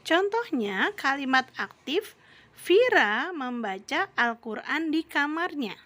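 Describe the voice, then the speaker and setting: A woman teaches a grammar lesson to young schoolchildren in a high, light voice. She talks patiently and steadily, checking often that her pupils follow along. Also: very animated, slow, pushed and bright. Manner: patient, addresses pupils as "Nak" with frequent "ya". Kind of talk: online grammar lesson for children.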